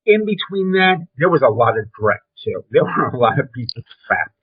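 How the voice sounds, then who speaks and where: Older guy w a brooklyn accent, kinda husky, tinny phone sound, chatting bluntly about his career. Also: mid-range voice, very animated, fairly quick. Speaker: interview guest, film trailer and design veteran. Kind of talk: conversational career reminiscence. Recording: thin, phone-like call audio.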